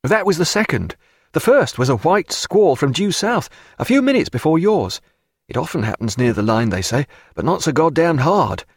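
A male narrator voices an eager young naval officer from the age of sail in an audiobook, his pitch set well up with lively swings. Brisk, earnest and excited, he comes across exaggerated with a breathy edge. The sound is very close and dry, without echo.

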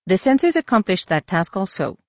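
Woman voicing a monotone alien base commander. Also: mid-range voice, brisk, no echo, studio quality, pitched above the performer's own voice. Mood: flat. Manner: flat monotone. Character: flat-voiced female alien base commander.

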